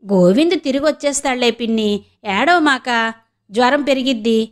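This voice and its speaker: A woman's voice: high voice, normal speed, close to an everyday voice. A woman voicing an eager, earnest young village girl who speaks in rustic speech. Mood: gentle.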